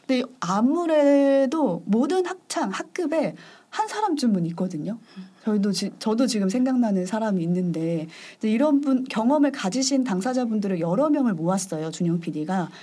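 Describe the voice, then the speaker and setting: A woman hosting a conversational interview. Her voice is mellow and dark-toned, but it rises and falls in a lively way. She asks gentle, attentive follow-up questions. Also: a little high, moderate pace. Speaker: podcast host.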